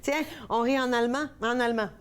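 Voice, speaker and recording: A woman's voice: medium pitch, darkish tone. A woman from Quebec with a Québécois accent hosting a laughter yoga TV show, bubbly and laughing often as she leads exercises. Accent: Québécois French. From Quebec, Canada. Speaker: laughter yoga instructor and host. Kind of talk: upbeat on-air instruction with laughter exercises.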